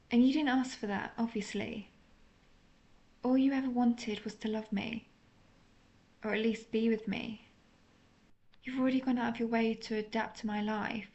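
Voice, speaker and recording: A woman plays a lovesick female vampire in an intimate audio roleplay, sounding apologetic and remorseful. Her fairly high voice has vocal fry, and she speaks hesitantly and confessionally with a soft melancholy, though the audio is dull.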